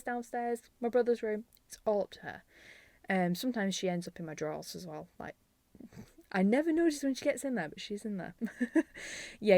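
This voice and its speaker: A woman's voice: lowish voice, gravelly, darkish tone, dry recording. Brief: young Yorkshire woman, twenties, slight lisp, rambling giggly vlog chat, dry close sound. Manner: giggly, laughs often between thoughts. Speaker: channel host. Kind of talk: casual rambling chat to camera.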